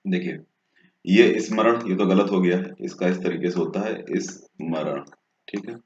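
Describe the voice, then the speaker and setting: A low-pitched man speaks a little slowly, with some faint hiss or hum in the background. He tutors through exam questions one step at a time, frequently checking in with a brief "okay." The recording has a dull, echoey room sound.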